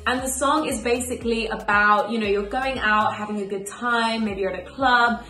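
This young woman, raised in Spain, speaks a little high in a steady, pushed and bright tone that sounds reverberant. An emerging singer being interviewed, she answers to camera about her music in an upbeat, chatty way, rattling off lists quickly from a small bright room indoors.

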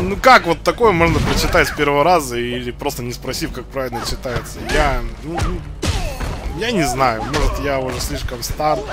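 A man with a slightly high-pitched voice commentates on fighting-game matches in a casual, live style. He rambles and often repeats his own phrases. Game music plays clearly behind him. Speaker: gameplay commentator.

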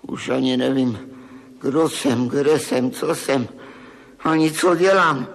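A man's voice: medium pitch, creaky. An actor playing a greedy, tyrannical old miser father who rants in frantic despair. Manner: blustering, frantic when robbed. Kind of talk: radio play acting.

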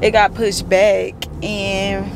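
A woman's voice: medium pitch, little pitch movement, takes it slowly, gravelly, noisy background. A woman in her twenties chatting casually in a vlog, slangy and frank. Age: 20s. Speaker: vlogger.

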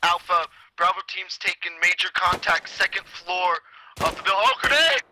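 A man's voice: sits high, flat delivery, moderate pace. A man acting as team leader in a military game, reporting in procedural radio phrasing. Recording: clear game gunfire noise.

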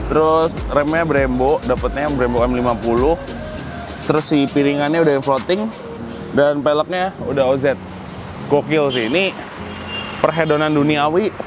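A young man hosting a casual motorcycle walkaround, excitable and slangy, talking outdoors in a garage courtyard on a lapel mic. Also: on the high side. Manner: excitable, slangy, thinking aloud. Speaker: motorcycle vlog host.

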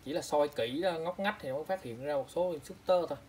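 A man's voice: fairly high pitch, fast talker, a little mellow, a little hiss or hum. A man selling used eyeglass frames online, chatting casually as he shows each pair and reads out prices and sizes. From Vietnam. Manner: chatty, repeats prices and specs, calls out to viewers. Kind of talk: casual product showcase.

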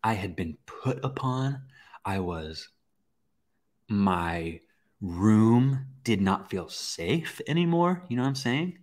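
A young man hosting a podcast, telling a personal story in a casual, animated way, with swearing and acted-out reactions. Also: lowish voice, slow. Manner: animated, swearing, acts out his own reactions. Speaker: podcast host.

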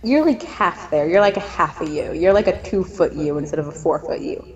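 A woman's voice: lowish voice, a little fast, muffled recording, crowd noise. A woman co-hosting a let's play, teasing her partner in playful banter. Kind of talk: casual gameplay chat.

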